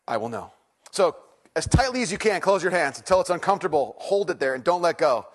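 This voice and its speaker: A middle-aged teaching pastor delivers a sermon to a church congregation, his voice on the high side. He's conversational and pokes fun at himself, moving between loud excitement and hushed intensity.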